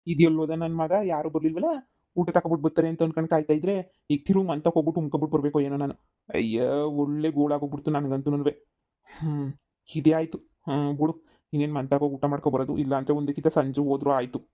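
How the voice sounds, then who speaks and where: A woman's voice: low voice, flat delivery, fast talker, dull audio, natural voice. A woman voicing a stubborn, self-pitying old village father-in-law in a cartoon comedy, grumbling and complaining. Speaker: cartoon voice actor.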